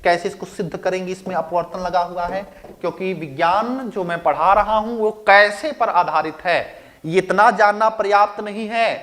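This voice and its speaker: High-voiced male physics teacher lecturing. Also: a bit bright. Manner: asks rhetorical questions and answers them, repeats key phrases. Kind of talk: recorded classroom lecture.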